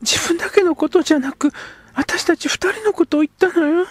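A man doing a young edo girl, breathy and earnest. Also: extremely high pitch, a little fast, no room sound, studio quality, pitched above the performer's own voice. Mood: pleading, earnest. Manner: pleading, breathy half-whispers. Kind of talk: audiobook character voice.

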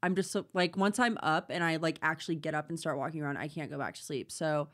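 A woman's voice: sits low, quick pace, a bit bright. A woman co-hosting a podcast, telling a story in casual chat, acting out what people said and swearing freely. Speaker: podcast co-host.

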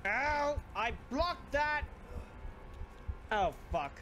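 Streamer, high voice swinging up and down, cussing and yelling at the game, takes it slow between outbursts. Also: faint music behind. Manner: excitable, swears a lot, yells at the game. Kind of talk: live gameplay commentary.

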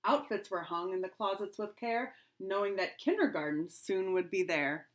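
A middle-aged woman who teaches kindergarten performs a rhyming picture book for children with lively, sing-song expression. She speaks at a normal speed with a medium pitch, indoors in a small room at home.

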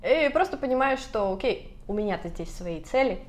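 Speaking at a moderate pace with a medium-pitched, animated voice, a woman in her thirties films a casual vlog straight to camera and gestures a lot. A lapel mic picks her up in a brightly lit apartment room.

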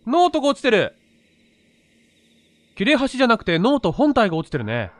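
A man's voice: very high-pitched, huge pitch swings, fairly quick, no room sound. A man casually commentating a horror game, talking to himself and reading screen text aloud. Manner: talks to himself, narrating each step. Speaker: gamer playing a horror game.

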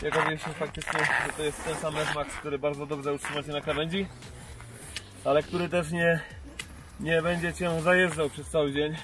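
A man's voice: fairly high pitch, flat delivery, moderate pace, music in the background. A young man testing skis outdoors on a slope, explaining eagerly to a close camera. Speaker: ski tester. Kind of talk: product review. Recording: outdoor slope with wind noise.

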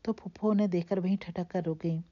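A woman narrating a novel aloud in an even, steady storytelling manner. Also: on the low side. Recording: dull lo-fi recording.

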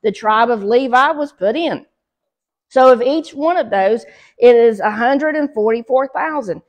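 In a small fellowship hall, a far camera records a middle-aged Southern woman guiding a church Bible study. Speaking slowly in a slightly high voice, she reads passages aloud and explains them, pausing and using fillers.

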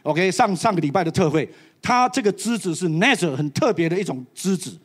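A church elder preaching a sermon to a live audience, animated and slipping English phrases into his talk. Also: sits high, a little fast, breathy edge.

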